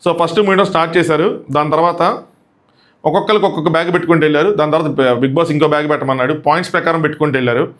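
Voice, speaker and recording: A man with a Telugu accent giving a quick, animated review of a reality show episode, acting out the contestants' lines. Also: on the high side. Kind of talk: fast episode review commentary.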